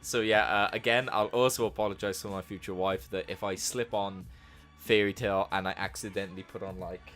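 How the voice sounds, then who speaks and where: A young man co-hosting a casual podcast chat, animated and quick to laugh. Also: lowish voice, faint music behind. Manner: animated, laughs often, acts out quoted voices. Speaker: podcast co-host.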